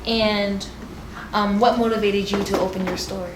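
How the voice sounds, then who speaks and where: Woman interviewer, short plain questions, echoey room with clear background noise. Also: mid-range voice, level tone, normal speed.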